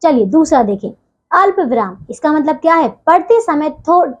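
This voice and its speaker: Woman teacher for a children's grammar lesson; high, patient voice that keeps checking in with the class; recording a bit dull. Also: very animated. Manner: patient, keeps asking "theek hai bachchon?"; leaves deliberate pauses between phrases.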